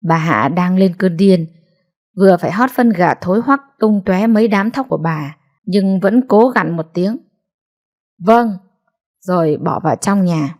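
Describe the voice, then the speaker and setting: A woman narrating a family drama in a steady, measured storytelling voice. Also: lowish voice.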